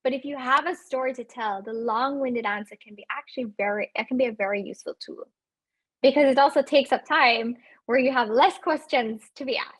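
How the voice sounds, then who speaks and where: A woman in her thirties with an accent, giving animated coaching advice in a webinar and addressing listeners directly. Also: high-pitched, brisk, breathy edge, no room sound. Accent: non-native English accent. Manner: animated, laughs often, speaks directly to listeners. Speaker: webinar speaker on residency interviews.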